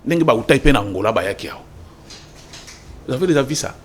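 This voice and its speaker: A man's voice: medium pitch, fast, husky. A man arguing insistently as a panelist in a heated political talk show debate, mixing French with Lingala. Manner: animated, insistent, interrupts.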